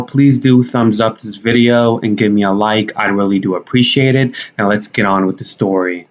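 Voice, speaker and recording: A young man giving casual news commentary to camera in a conversational, slangy way. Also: medium pitch. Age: young adult. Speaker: YouTube commentator. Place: small indoor room.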